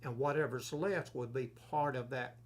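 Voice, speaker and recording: A man, a pastor, leading a relaxed Bible study, reading verses aloud and explaining them, asking and answering his own questions. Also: mid-range voice. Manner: unhurried, asks himself questions and answers them. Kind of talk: conversational Bible teaching.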